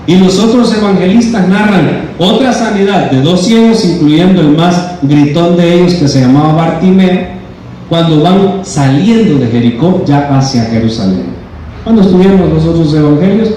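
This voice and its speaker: Male pastor, Bible-study sermon, mellow voice fairly high for a man, very echoey church heard from a distance. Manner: addresses listeners as "hermano", rises to loud cries when quoting. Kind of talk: expository sermon. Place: church sanctuary. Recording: very echoey church hall from far off, faint noise.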